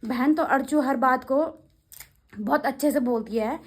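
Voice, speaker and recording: Brief: young woman vlogger, high-pitched, rapid and indignant, casual rant to camera. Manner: fast-talking, indignant, addresses critics directly.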